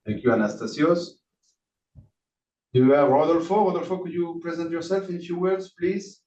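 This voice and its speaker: A man's voice: a little high, a little mellow. Distant man leading an online class. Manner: halting, friendly, many restarts. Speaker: course lecturer and host. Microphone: video call. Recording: distant, roomy, dull video call audio.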